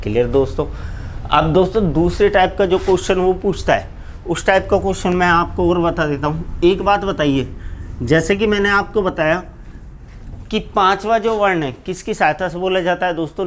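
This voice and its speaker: A man teaching Hindi grammar in a live online class, asking his students questions and answering them himself, often calling them "friends". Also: slight background noise. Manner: keeps repeating "friends" to address students; drops low and slow on each answer. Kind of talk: live online exam-prep lecture.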